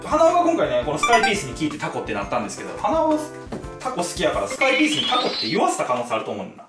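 A man's voice: fairly high pitch, huge pitch swings, rapid-fire. A young man with a Kansai accent, playfully hyping his own dish in casual cooking-challenge banter. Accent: Kansai Japanese. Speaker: YouTuber. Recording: roomy room with background music.

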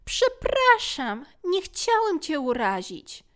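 A woman's voice: high voice, wildly swooping pitch, slow, fairly bright tone, voice pushed up, full character voice. A woman voicing a tiny, timid and polite pale-purple fear creature, meek and whimpering. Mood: frightened.

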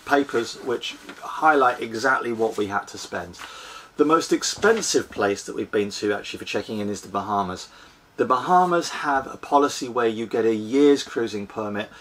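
A man's voice: medium pitch, gravelly, fairly bright tone, a little hiss or hum. A man in his forties, seated in a small sailboat cabin, earnestly explains practical tips to a fixed camera close by. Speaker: sailing vlogger. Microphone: fixed camera at close range.

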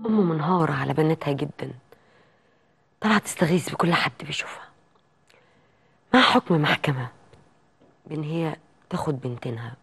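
Husky Egyptian woman TV host. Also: deep voice. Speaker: talk show host. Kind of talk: TV presenter narration.

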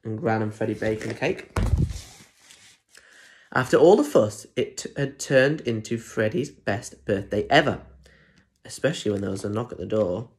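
Speaking in a lowish voice at normal speed and pausing often, a British man in his twenties reads a children's story, playful and chatty, with questions for young listeners. Slight background noise comes through his arm's-length phone or tablet in a plain room at home.

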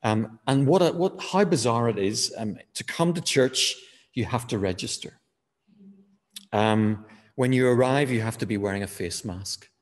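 Man preaching in a reverberant church. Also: medium pitch. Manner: measured preaching with fillers, slowing to stress key words. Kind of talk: sermon.

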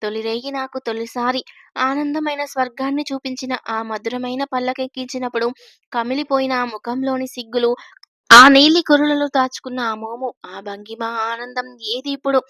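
A woman's voice: high-pitched, steady tone, moderate pace, sharp tone, no room sound, clean studio sound. A woman voicing a playful young mother and wife in a read-aloud story, speaking in a coaxing, mischievous way. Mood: coy playful.

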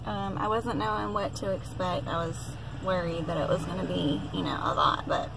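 A woman's voice: lowish voice, animated, normal speed, gravelly. A young woman chatting to her phone camera while driving, upbeat and rambling with lots of fillers. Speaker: vlogger. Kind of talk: casual chat to camera. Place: inside a car on the road. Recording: loud car road noise.

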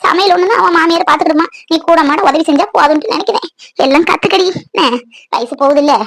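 A woman voicing a gentle old grandmother in a cartoon, coaxing and tenderly scolding her granddaughter. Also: very high-pitched, quick pace, no room sound. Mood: soothing. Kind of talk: cartoon voice acting.

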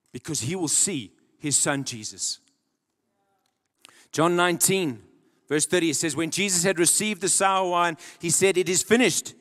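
This is a sermon from a big church stage, delivered by a young man on a handheld mic. His somewhat high voice moves dramatically between loud, emphatic peaks and low, quiet lines, and the hall adds a long trailing reverb.

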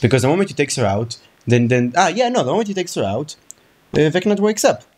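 A man's voice: fairly high pitch, big pitch swings, fast, darkish tone. A young man in casual reaction chat, blunt and opinionated, with mild exclamations. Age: young adult. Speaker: reaction video co-host. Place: small room at home, indoors. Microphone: shared microphone on a boom arm in front.

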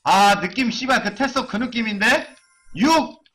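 Excitable high-voiced man streaming a game. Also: measured pace. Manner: excited chanting and cursing while gambling on item upgrades. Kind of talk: live game stream commentary.

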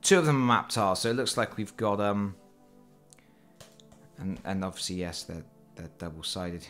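This is a low, steady, slightly bright male voice at normal speed, with soft music playing in the background. He hosts a board game channel and, despite a cold, chats casually over his hands while unboxing a game at an indoor table. He pokes fun at himself and uses fillers.

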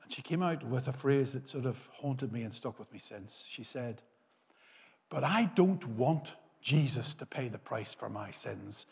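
A man, preaching a sermon from a lectern, gesturing widely and swinging from emphatic peaks to quiet asides. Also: mid-range voice, animated, measured pace, creaky. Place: church hall with a lit tree behind a lectern. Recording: muffled, with long hall reverb.

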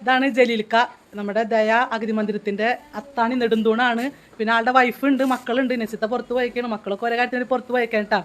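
A woman's voice: fairly high pitch, level tone, fast talker. A woman with a Thrissur Malayalam accent chatting and coaxing elders in an old age home. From Kerala. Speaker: vlogger. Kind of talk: casual vlog chat.

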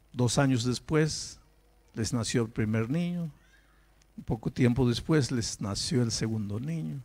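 A pastor in the middle of a sermon, a man with a voice of average pitch. He tells a moving story and lifts his voice sharply on key words, then slows down to let phrases land. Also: darkish tone. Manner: emotional, with sudden pitched emphasis and slowed phrases.

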